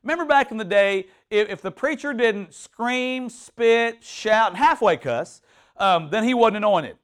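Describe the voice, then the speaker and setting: A man preaching a sermon in an animated, conversational way, with frequent restarts and bursts of mock shouting. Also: sits high, measured pace, smooth. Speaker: pastor.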